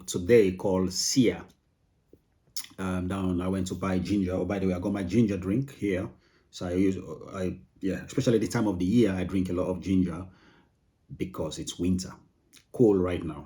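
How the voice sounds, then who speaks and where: A man's voice: deep voice, mellow. A man with a Sierra Leonean accent hosts a video channel, chatting casually to viewers in an informal, rambling way with repeated phrases. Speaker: YouTube host of a property channel. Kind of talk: casual chat to camera.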